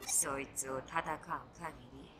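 A woman's voice: extremely low pitch, steady tone, measured pace, a crowd in the background. A woman voicing a polite but menacing young female hacker in a video game, with a Kyoto Japanese accent and old-fashioned courtly phrasing. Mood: composed, businesslike. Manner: genteel Kyoto dialect with archaic courtesan-style phrasing.

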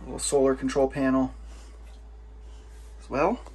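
A woman with an extremely low-pitched voice talks casually inside a small trailer. She chips in from behind the camera with informal remarks. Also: fairly even intonation, measured pace, a little mellow. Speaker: camera operator.

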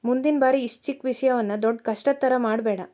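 A woman voicing a young man who is a gentle, teasing fiancé in a storybook tale, speaking quickly and softly. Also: fairly high pitch, fairly even intonation, natural voice. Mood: tender teasing.

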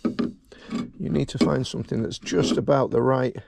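Narrating a how-to vlog on servicing an outboard, this Welsh middle-aged boat mechanic is chatty and dryly funny, with a medium-pitched, darkish voice, vocal fry and a measured pace. He's outside next to a boat trailer by grassy dunes, and his head-worn camera mic picks up noisy outdoor sound.

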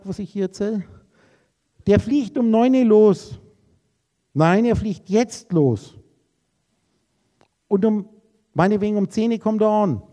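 In a lecture room, a man speaks to a live audience, addressing them directly and informally while rambling through associative wordplay. His voice is high in pitch but dark and mellow in tone.

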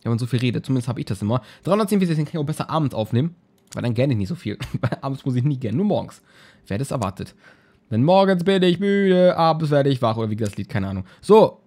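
A man's voice: mid-range voice, lively intonation, rapid-fire, darkish tone, husky. A man giving casual, rambling commentary on a game he is playing, often repeating words as he browses items. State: yawning, just woke up. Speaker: let's play host.

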